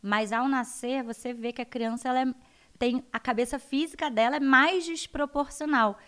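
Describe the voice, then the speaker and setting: A woman with a Brazilian accent, a guest educator explaining child development in an animated interview. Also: high-pitched, normal speed, smooth. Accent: Brazilian Portuguese. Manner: animated, acts out her children's voices.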